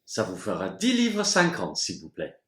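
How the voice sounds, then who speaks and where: A man's voice: low voice, wildly swooping pitch, moderate pace, reverberant, voice pushed down. A man playing a polite, helpful train station ticket clerk in a lesson dialogue. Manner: polite, helpful service talk.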